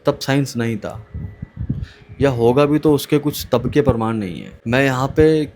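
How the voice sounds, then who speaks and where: A man in his thirties speaks in a calm, musing monologue and hosts his own channel. His voice sits at an ordinary middle pitch, and he mixes English phrases into a relaxed conversational flow. A faint hiss of background noise lies under the recording. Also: normal speed. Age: 30s. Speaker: channel host. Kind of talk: reflective monologue.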